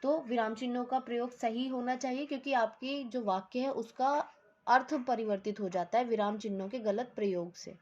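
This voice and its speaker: A woman's voice: on the high side, a little mellow, highs cut off. A woman teaching a Hindi lesson to schoolchildren, patient and repetitive, checking in often and mixing English words into her Hindi. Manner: patient, repeats points with frequent "ठीक है" check-ins.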